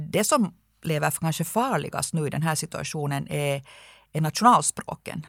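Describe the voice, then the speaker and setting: A woman with a Finland Swedish accent speaks in a measured, explanatory way and often pauses on a filler. Her voice has a gravelly edge. The sound is close and dry. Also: deep voice, dry recording. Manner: measured, explanatory, frequent hesitations. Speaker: dictionary editor. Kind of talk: radio interview answers.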